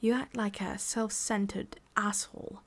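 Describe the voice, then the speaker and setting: In an ASMR roleplay, an English-accented woman voices a sadistic, condescending demon boss, speaking deliberately as she shifts between a soft voice and a whisper. Her pitch sits mid-range with fairly even intonation, and she sounds angry and disappointed.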